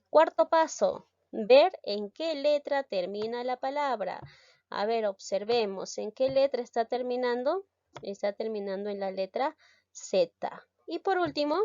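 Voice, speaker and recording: A woman teacher walks through a grammar lesson in careful, methodical steps, asking questions and then answering them herself. Her voice sits at a middle pitch. The recording is dry and a little dull. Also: a little mellow, no room sound. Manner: methodical, step-by-step explaining with rhetorical questions.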